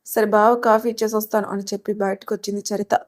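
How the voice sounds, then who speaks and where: A woman storyteller giving a steady, expressive audiobook narration. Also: mid-range voice, fast.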